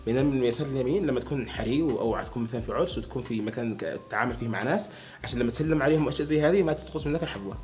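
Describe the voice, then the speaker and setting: A man's voice: mid-range voice, racing, darkish tone, soft background music. A young man from Hadhramaut, chatting casually with a friend and asking him questions. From Hadhramaut, Yemen. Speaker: conversation partner asking questions. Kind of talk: casual chat between friends.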